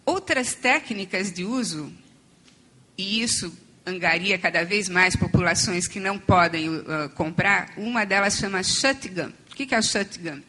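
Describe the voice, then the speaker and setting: At an academic conference on addiction treatment, a female panel speaker in a conference hall explains her points unhurriedly, with frequent fillers and restarts. Her mid-range voice is hoarse and failing, yet bright and sharp in tone.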